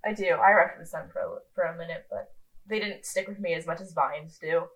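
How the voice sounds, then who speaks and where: A woman's voice: fairly low pitch, steady tone, fairly quick, fairly bright tone, rough recording. A woman in her twenties co-hosting a podcast in casual chat, rambling with lots of ums and restarts. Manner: rambling, self-deprecating, many ums and restarts. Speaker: podcast co-host.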